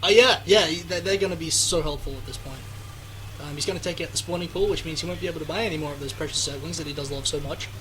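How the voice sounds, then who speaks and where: A man doing live esports commentary, chatty and sarcastic, who gets loud and excited during fights. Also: a little high, fast talker, over music, poor audio. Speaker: game commentator.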